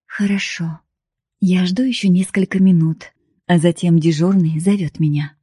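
A woman's voice: on the low side, steady tone, moderate pace, mellow, breathy edge, dry recording, clean studio sound. A woman reading an emotional first-person audiobook narration in a heartfelt, pleading way. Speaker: audiobook reader.

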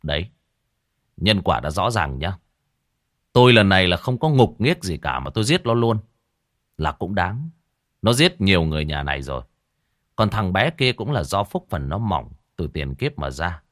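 A man voicing a stern young male exorcist in an audiobook, lecturing in a low firm tone. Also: big pitch swings, moderate pace, pauses often, fairly bright tone, dry recording, clean studio sound.

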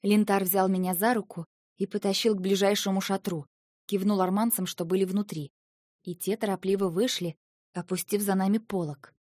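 A woman narrates a first-person audiobook in a steady, expressive way. Her voice sits at a middle pitch. The recording is dry and close, with no room sound. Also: normal speed, no room sound.

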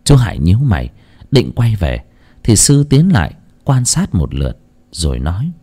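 A male storyteller narrates a ghost story with dramatic expression. His voice is very deep and dark, and his pitch moves a lot. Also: wildly swooping pitch, normal speed, slightly rough.

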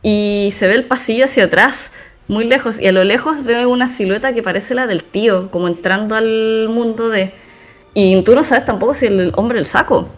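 Chilean woman retelling a film. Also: a little high. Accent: Chilean Spanish. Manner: animated retelling, slangy, quick asides. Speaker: podcast co-host. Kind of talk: casual chat.

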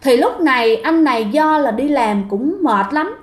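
High-voiced woman telling a ghost story. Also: expressive, unhurried. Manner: chatty, addresses listeners directly. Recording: echoey room.

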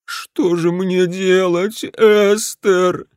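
A man's voice: medium pitch, measured pace, darkish tone, no room sound, clean studio sound, lightly acted. A man voicing a frantic middle-aged husband who runs a beach stand, pleading and whining in a desperate tone.

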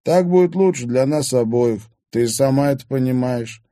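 A man's voice: mid-range voice, normal speed, mellow, no room sound, clean studio sound, pitched above the performer's own voice, close to an everyday voice. A man reading an audiobook, voicing an arrogant, charming young man who talks in a smug, teasing way. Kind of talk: audiobook character voice.

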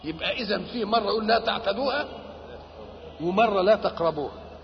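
A man's voice: high voice, fairly quick, a little hiss or hum. An older man with an Egyptian Arabic accent explains scripture, asking rhetorical questions and answering them himself. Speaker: Quran commentator. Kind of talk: Quranic exegesis lecture. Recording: dull lo-fi archival tape with reverb.

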